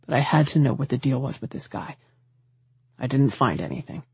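A woman's voice: very deep voice, big pitch swings, a little fast, creaky, a little mellow, slightly rough, no echo, voice pushed down, full character voice. A woman voicing a blunt, worried young man in an audiobook.

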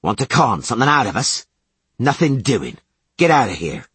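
Give me a bullying, brawny female guard commandant, as a man puts her on, coarse and husky. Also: mid-range voice, big pitch swings, moderate pace, fairly bright tone, no echo, exaggerated voice. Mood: hostile.

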